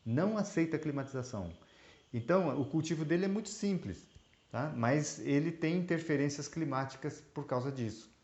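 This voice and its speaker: A man's voice: a little high, normal speed, darkish tone. A Brazilian man who exports mushrooms explains the trade in a hesitant way, with many fillers and restarts. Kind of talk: explanatory talk. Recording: roomy, dull lo-fi sound.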